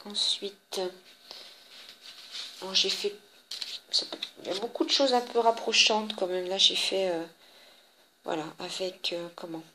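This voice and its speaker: A woman with a French accent casually shows her handmade cards, talking in a chatty, halting way with many fillers and restarts. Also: mid-range voice, steady tone, sharp tone, slight background noise. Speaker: papercraft vlogger.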